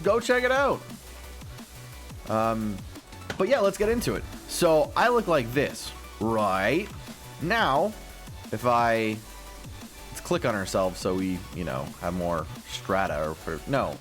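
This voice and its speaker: Excitable man with a cracking morning voice. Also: medium pitch. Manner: rambling, self-deprecating, excitable. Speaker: gaming YouTuber. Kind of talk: casual gameplay commentary. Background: faint music stream.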